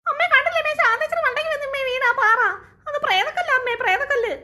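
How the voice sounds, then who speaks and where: An easily frightened mother from a cartoon cries out in shrill, hurried bursts. Her voice is very high and bright, and she talks extremely fast. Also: full character voice. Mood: panicked. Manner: shrill, rapid panicky exclaiming. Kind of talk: cartoon voice acting.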